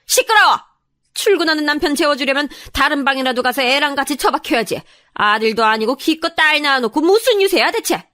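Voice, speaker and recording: A woman voicing a harsh older mother-in-law who scolds in a sharp, shrill manner for a radio drama. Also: animated, a little fast. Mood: scolding.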